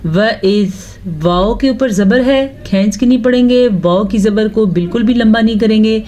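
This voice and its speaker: A woman teaching Quran pronunciation, reciting words slowly and breaking them into syllables with patient explanation. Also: fairly high pitch, warm tone. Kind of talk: slow tajweed lesson with recitation.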